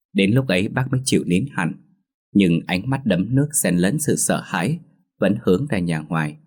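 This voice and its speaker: Low husky male horror storyteller. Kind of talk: scripted horror story narration.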